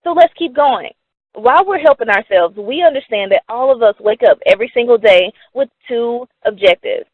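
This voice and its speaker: A young woman's slightly high voice rises and falls with lively intonation at a moderate pace as she gives a scripted, persuasive money pitch for a company. She asks questions and answers them herself, upbeat throughout, in a dry, narrow, phone-like recording with no room sound.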